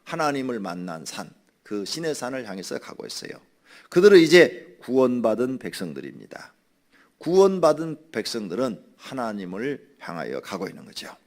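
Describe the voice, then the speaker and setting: A man's voice: medium pitch, very animated, normal speed. A man preaching a Bible study to his congregation in a conversational teaching manner, briefly acting out grumbling people. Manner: drinks water while speaking. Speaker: pastor.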